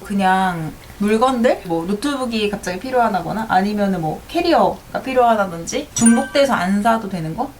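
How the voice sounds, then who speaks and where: Brief: young woman, mid-range voice, casual chat, clear background noise. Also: mid-range voice, animated, moderate pace, long pauses.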